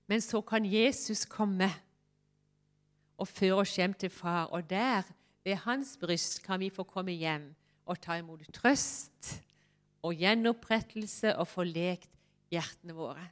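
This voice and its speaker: A woman preaching a heartfelt sermon in a church and sharing a personal testimony. She speaks intimately and often drops to a soft near-whisper. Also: mid-range voice. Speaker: pastor.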